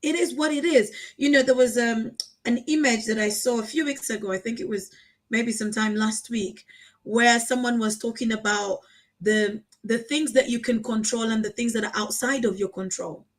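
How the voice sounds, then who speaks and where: A woman from Africa hosts a casual live chat in a high voice. She talks in an animated, encouraging way and repeats her key points for emphasis. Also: moderate pace, low-quality recording. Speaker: host.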